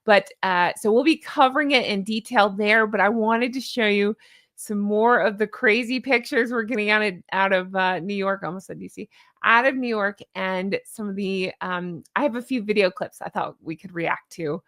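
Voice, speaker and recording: A woman's voice: medium pitch, moderate pace, fairly bright tone, dry recording, clean studio sound. A woman with a honking, goose-like voice hosting a casual reaction video in a jokey, exclamatory, chatty way. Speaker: YouTube host. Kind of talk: casual livestream-style reaction commentary.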